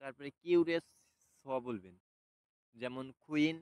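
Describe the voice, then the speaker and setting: A man giving a casual spoken lesson, unhurried and hesitant, often pausing on fillers and repeating sounds slowly for practice. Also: on the high side, a little mellow, smooth, dry recording, rough recording. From Bangladesh. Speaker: language teacher.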